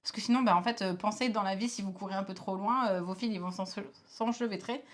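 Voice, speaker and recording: A woman in her thirties co-hosting a board game show, chatting casually with lots of hesitations and quick laughs. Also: mid-range voice, fairly even intonation. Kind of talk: casual chat reviewing board games.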